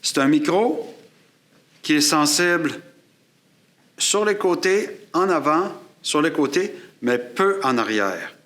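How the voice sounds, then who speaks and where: A photography and sound instructor from Quebec teaches a class at a studio table set up for filming, explaining microphones and demonstrating the gear as he talks. A boom holds a shotgun mic above him, aimed at his chest. His voice is expressive, slow, and fairly bright.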